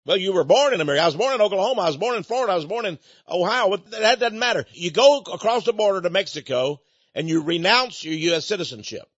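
High-voiced man ranting indignantly. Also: lively intonation, fast, fairly bright tone, no echo. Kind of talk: political commentary monologue. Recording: dull, dry lo-fi recording.

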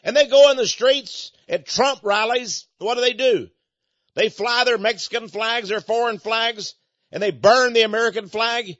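High-voiced man ranting indignantly. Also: moderate pace, a bit bright, dry recording. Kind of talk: political commentary monologue. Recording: dull, dry lo-fi recording.

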